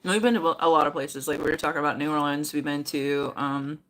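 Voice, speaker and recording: A middle-aged woman chatting casually about ghost hunting trips, relaxed and full of fillers. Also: low-pitched, fast talker, slight background noise, low-quality recording. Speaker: mother and moderator of the stream. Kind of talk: casual chat.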